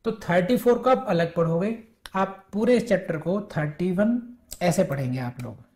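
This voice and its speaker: A woman with an Indian English accent teaching an exam-prep law lecture. She mixes Hindi and English and reads the statute text slowly, word by word, before explaining it. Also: on the low side, animated, darkish tone.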